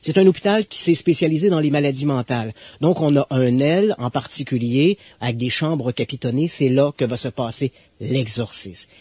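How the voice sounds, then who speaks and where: Husky-voiced man telling a dark tale. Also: mid-range voice, no room sound. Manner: explanatory, builds suspense with emphatic pauses. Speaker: guest expert. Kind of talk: conversational storytelling.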